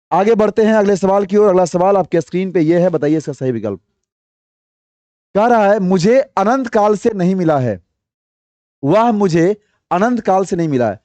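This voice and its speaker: A man's voice: high voice, darkish tone, no room sound, muffled recording. A young man teaching an online exam-prep lesson, explaining step by step, repeating each answer and quizzing his viewers.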